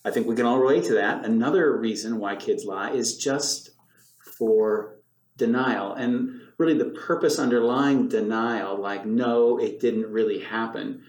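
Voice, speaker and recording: A man's voice: mid-range voice, unhurried, reverberant, poor audio. An older man co-hosting a casual podcast, explaining ideas with dry, sarcastic humor. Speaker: podcast co-host.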